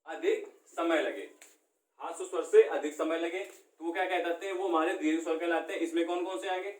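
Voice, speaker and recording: A man's voice: a little high, fairly even intonation, fast, darkish tone. A man teaching a classroom lesson, asking questions and answering them himself. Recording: echoey room, far from the mic.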